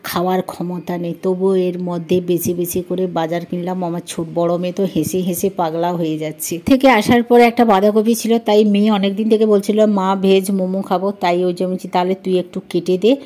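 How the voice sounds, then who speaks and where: A woman's voice: on the low side, fairly even intonation, fairly quick, hardly any pauses, mellow. A middle-aged woman with a Bengali accent chatting through a cooking vlog from her home kitchen, talking to viewers like friends. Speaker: vlogger and housewife. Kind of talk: casual cooking vlog narration.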